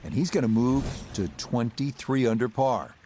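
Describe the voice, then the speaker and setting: A man playing a polished golf commentator, calling play-by-play in a measured broadcast style for a video game. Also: mid-range voice, expressive, noisy background, lightly acted. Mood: upbeat, measured. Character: male TV golf play-by-play announcer. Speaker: golf commentator, lead announcer.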